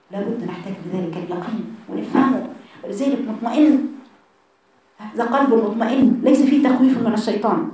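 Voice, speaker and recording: Egyptian woman, religious teacher, fast delivery, roomy hall sound, mic far off. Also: mid-range voice, darkish tone. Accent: Egyptian Arabic. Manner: impassioned, rhetorical questions. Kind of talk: Quran lesson to women.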